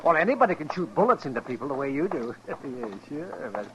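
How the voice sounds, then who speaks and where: An actor playing a teasing, folksy frontier doctor in an old radio western. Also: male voice, on the high side, a little fast. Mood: teasing, amused. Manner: folksy, animated. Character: teasing, chuckling small-town frontier doctor. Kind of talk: 1950s radio western acting. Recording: dull, noisy old radio recording.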